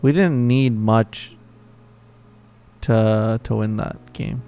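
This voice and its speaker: A man streaming a card game live, talking to himself and his viewers, swearing at bad luck and muttering quietly between outbursts. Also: on the low side, fairly even intonation, extremely slow, smooth.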